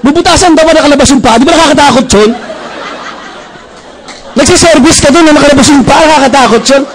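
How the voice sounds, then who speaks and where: Man, pastor, from Bacolod, very high voice for a man, motivational testimony, animated storyteller who acts out conversations. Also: quick pace, background noise. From Bacolod, Philippines.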